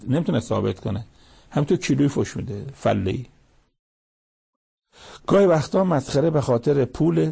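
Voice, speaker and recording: A man giving a sermon that explains Quranic verses line by line and grows animated when he acts out quotes. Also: mid-range voice, gravelly, breathy edge. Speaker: preacher.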